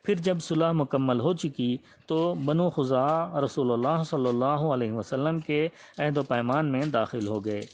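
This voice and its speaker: A man reading a religious biography aloud in a measured, reverent way and ending with a prayer. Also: a little high, darkish tone. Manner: measured and reverent, with frequent honorifics. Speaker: religious history reader. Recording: slightly muffled, dull audio.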